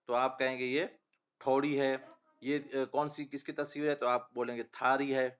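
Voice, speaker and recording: A patient male teacher walks children through letters and word lists in a steady sing-song. He asks his own questions and answers them, speaking a tinge. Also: mid-range voice, smooth. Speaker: Urdu teacher. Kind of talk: children's reading lesson.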